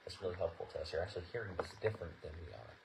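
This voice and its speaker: A man's voice: low-pitched, big pitch swings, rapid-fire. A man hosting a live-streamed paranormal investigation, giving casual commentary. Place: indoors in a house. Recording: clear background noise.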